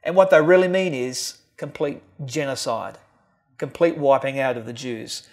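A man giving a preaching seminar talk, emphatic, slowing and rising on key words and then dropping low. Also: a little mellow. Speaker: seminar speaker.

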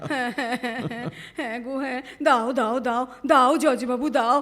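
A woman's voice: a little high, steady tone, a little fast, a loud crowd, close to an everyday voice. A woman actor playing a desperate condemned young woman who keeps pleading and repeating her words, on a live stage audio play. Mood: frantic pleading. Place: auditorium stage. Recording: live hall with long reverb.

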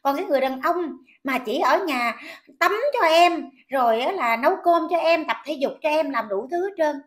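A woman's voice: sits high, animated, normal speed. A woman with a Southern Vietnamese accent, ranting in an indignant, scolding commentary vlog full of repeated questions.

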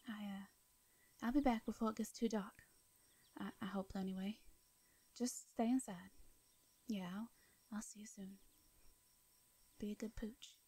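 Voicing a young female farmer who is caring and protective, a woman performs in a roleplay audio drama with a fairly high pitch. Her Southern US accent carries a soft, folksy, hesitant quality, and her mood is subdued.

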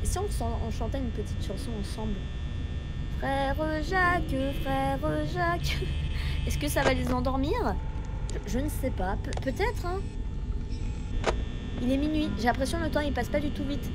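A young woman talks over her gameplay in a strikingly high voice, casual and playful. She jokes and chats to the game's characters like old friends, stuffy from a cold. Music plays clearly behind her. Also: expressive, normal speed, long pauses. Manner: joking, chatty, teasing the game characters. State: has a cold. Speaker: gaming video host. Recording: music playing in the background.

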